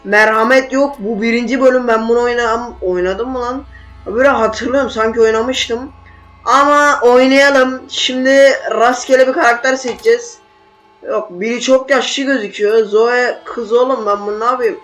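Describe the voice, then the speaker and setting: A man's voice: very high-pitched, fairly even intonation, normal speed, fairly bright tone, soft background music, poor audio. A man hosting a gaming channel, giving loose gameplay commentary full of yelps, sudden exclamations and slangy swearing.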